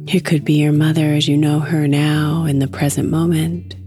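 Woman, meditation guide, soft and soothing, dark relaxed tone, long pauses, guitar music underneath. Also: low voice. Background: soft plucked guitar music.

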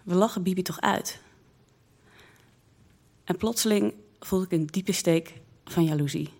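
Lower-voiced woman telling a lively story. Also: unhurried, gravelly. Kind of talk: personal story told to an audience.

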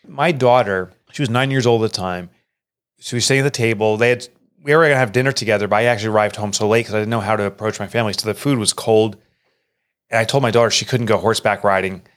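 A middle-aged man, an author and entrepreneur, telling a personal story in an interview in an earnest, emotional way, jumping up in pitch when he quotes people. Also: quick pace.

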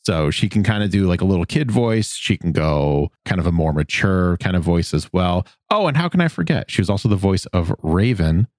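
A man with a very deep voice co-hosts a podcast, chatting with easy enthusiasm and plenty of filler words. The recording is dry and close, with no room sound. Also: animated, brisk, hardly any pauses, no echo. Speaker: podcast co-host. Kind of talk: casual chat.

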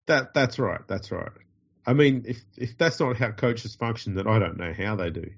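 A man's voice: on the low side, moderate pace, vocal fry, husky, dull audio. A man with an Australian accent and a nasal, stuffed-up voice from a runny nose, hosting a podcast in casual, dryly joking banter. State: getting over covid with a runny nose. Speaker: podcast host.

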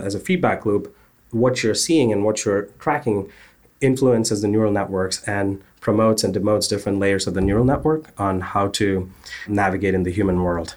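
Deep-voiced man explaining earnestly. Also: a little mellow. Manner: earnest, technical, with frequent "uh" fillers. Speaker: startup founder. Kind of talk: interview answers.

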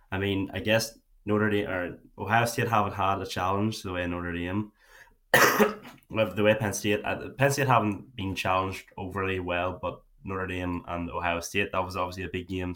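Very deep-voiced Irish man analysing sport. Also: a bit bright.

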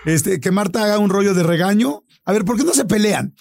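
A man with a Mexican accent hosting a casual podcast chat, animated and jokey, steering his guests. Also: high voice, fairly quick, gravelly, dry recording, clean studio sound. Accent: Mexican Spanish. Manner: animated, jokey, directing the others. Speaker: host.

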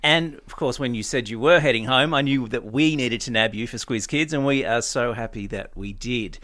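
A man's voice: mid-range voice, moderate pace, fairly bright tone. A man hosting a podcast, upbeat and playful as he interviews his guest. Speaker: podcast host.

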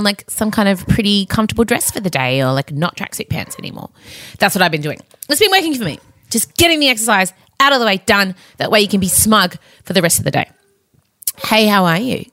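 A woman's voice: medium pitch, fairly bright tone, no room sound. Female podcast host, Australian accent, candid and cheeky, effusive casual delivery, close dry home recording. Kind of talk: casual solo podcast chat.

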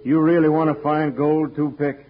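Man acting a bossy, higher-voiced outlaw villain. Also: little pitch movement, moderate pace, lightly acted. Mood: sly. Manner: gruff, bossy. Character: scheming, mean outlaw boss. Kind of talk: old radio western acting. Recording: noisy, muffled old radio recording.

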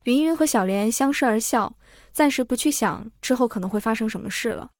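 A woman narrating a serialized story in a steady reading voice. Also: fairly high pitch, fairly quick, no room sound, studio quality.

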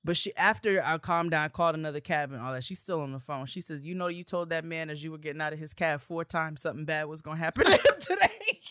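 A woman's voice: low-pitched, expressive, fast talker, few pauses, a bit bright, no echo. A young woman, a podcast co-host and student, telling a story in a casual chat with emphatic, profane bursts.

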